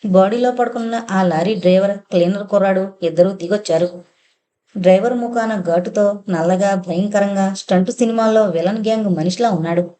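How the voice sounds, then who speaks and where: Mellow woman narrating an audio novel. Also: medium pitch, normal speed.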